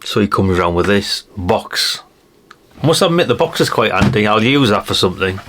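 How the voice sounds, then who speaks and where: A middle-aged man who hosts a retro radio collecting channel chats casually and without a script as he shows off items. He swears mildly and uses lots of tag questions. His voice is lowish with big pitch swings at a normal speed, and there is background noise.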